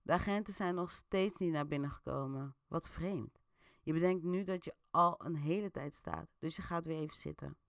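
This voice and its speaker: A woman's voice: deep voice, moderate pace, vocal fry, dry recording, studio quality. A woman hosting an interactive story, narrating casually with a chatty, playful manner and many fillers. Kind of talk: casual storytelling with audience votes.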